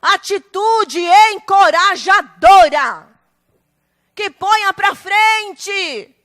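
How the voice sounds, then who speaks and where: A woman's voice: very high voice, expressive, extremely slow, bright, forceful tone. A woman pastor preaching a sermon in church, emphatic and acting out the voices of family members.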